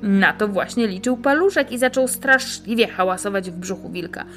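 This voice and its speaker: A woman reading a fairy tale aloud and then reflecting on it in a calm, measured, gently instructive way. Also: medium pitch, soft background music. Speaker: storyteller and spiritual teacher.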